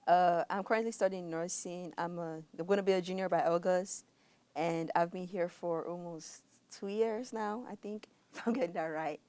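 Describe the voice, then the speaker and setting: Young woman, Nigerian accent, lower voice, relaxed student guest. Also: normal speed, smooth, no room sound. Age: young adult. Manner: relaxed, laughs easily. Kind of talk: casual interview answers.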